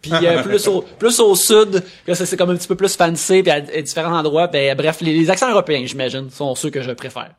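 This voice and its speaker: High-voiced male host. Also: fairly quick, few pauses. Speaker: podcast host. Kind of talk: casual podcast chat.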